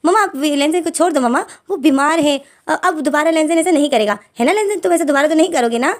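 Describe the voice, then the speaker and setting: A woman voicing a young man who scolds and urgently hushes his partner in a told fanfiction story. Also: sits high, quick pace, voice pushed up, natural voice. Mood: urgent scolding. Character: young man, bossy protective brother figure.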